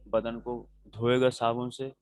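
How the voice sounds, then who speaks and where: A male teacher leads a class on religious rulings at a patient, methodical pace, pausing to check that his students follow. His voice sits at an ordinary pitch. It is recorded dry and close, with no room echo. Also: little pitch movement. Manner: patient, explains step by step, checks in with "okay"; answers students' questions directly.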